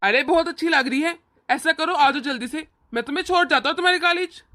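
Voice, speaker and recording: In an animated family cartoon, a woman voices a kind, indulgent young brother, speaking gently and reassuringly in a high voice at a fast pace.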